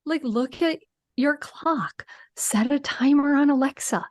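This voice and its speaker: A woman's voice: sits high, unhurried, no echo, clean studio sound. A woman guest explaining parenting practices in casual chat, earnest and explanatory, often adding a tag question.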